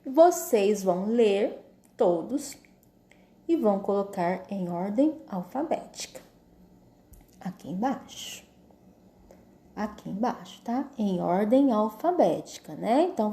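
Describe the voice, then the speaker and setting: A woman's voice: mid-range voice, mellow, roomy sound. A woman with a Brazilian Portuguese accent teaching a class lesson, explaining patiently step by step and often checking that her pupils follow. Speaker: schoolteacher.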